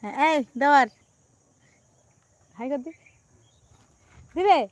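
A woman chatting casually on a live stream outdoors while out fishing, talking softly at times and repeatedly greeting her viewers. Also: high voice, expressive, slow, no room sound. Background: crickets and insects.

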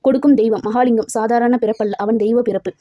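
A man's voice: very high voice, fairly even intonation, fast, no room sound, highs cut off. A woman voicing a poor, feverish male cart driver giving an anguished, earnest account.

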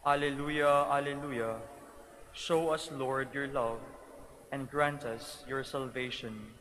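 A man serving as lector, reading scripture and the psalm slowly and solemnly, phrase by phrase. His mid-pitched voice rings out with a long cathedral echo. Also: fairly even intonation, fairly bright tone, a little hiss or hum. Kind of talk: liturgical reading and responsorial psalm. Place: large church. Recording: long church reverb.

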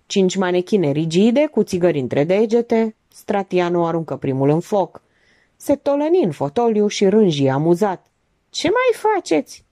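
A woman narrating an audiobook with expressive, measured storytelling. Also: on the low side. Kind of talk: audiobook reading.

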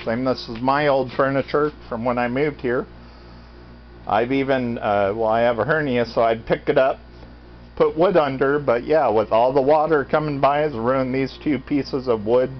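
In a cluttered concrete basement, an American farm resident in his fifties vlogs a casual, rambling, matter-of-fact walk-through, holding the camera at arm's length. His mid-range voice moves at a normal speed over slight background noise, and a loud radio plays continuously. The camera audio is dull and lo-fi, with heavy background sound.

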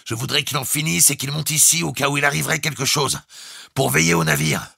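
A stolid sea captain shouting through a speaking tube in a storm, as a man puts him on for an audiobook. He talks in clipped, telegraphic phrases, spacing out each word, in a voice pushed high and loud, with a gravelly, husky edge in a dry, close sound. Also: animated, moderate pace, dry recording, full character voice. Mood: terse, steady. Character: stolid terse male ship captain in a storm.

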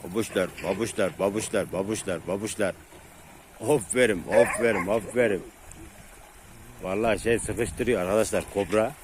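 A man filming his dogs outdoors, talking casually to his viewers and calming the dogs with repeated words. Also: lowish voice, moderate pace, slight background noise. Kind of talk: casual vlog commentary to viewers. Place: outdoors in a rural area.

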